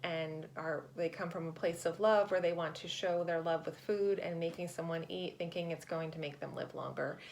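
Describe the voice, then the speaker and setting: Female hospice nurse, slightly low voice, careful explanatory interview delivery, tactful and measured. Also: steady tone, a little mellow, a little hiss or hum.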